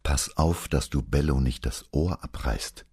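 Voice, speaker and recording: A man voicing a weary middle-aged commissioner, soft-spoken and gentle. The voice sits extremely low, dark and a little husky. It is a storybook reading. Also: a little slow, exaggerated voice.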